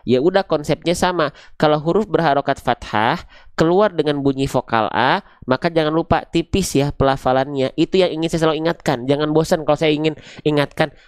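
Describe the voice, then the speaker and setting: A man teaching Quran recitation, patiently repeating and drilling syllables slowly. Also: on the high side, clean tone, dry recording, studio quality. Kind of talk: online pronunciation lesson.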